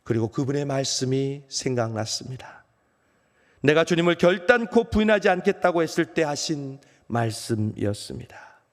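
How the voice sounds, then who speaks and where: A man, a pastor, speaking as the apostle Peter, a remorseful, ashamed grown man, in a first-person dramatic monologue in a church, swinging from loud outbursts to hushed low phrases. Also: lively intonation, moderate pace, natural voice. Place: church sanctuary. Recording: long church hall reverb.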